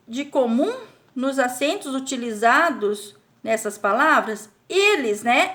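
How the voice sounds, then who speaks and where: A Brazilian woman teaching a recorded spelling lesson to children. She explains slowly, stretches out syllables and keeps asking the class check questions. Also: sits high, a bit bright. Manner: speaks of herself in the third person as "a Pro". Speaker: primary school teacher.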